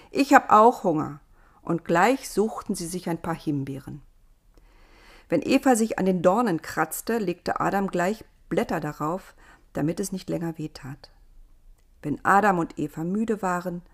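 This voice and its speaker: A woman reading a children's story aloud in a lively, expressive way. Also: lowish voice, creaky.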